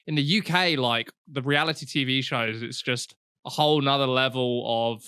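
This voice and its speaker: Bright, bawdy man. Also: mid-range voice, clean tone, no echo, studio quality. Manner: bawdy, quick to laugh, jokey. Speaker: podcast co-host. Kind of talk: crude comedy podcast banter.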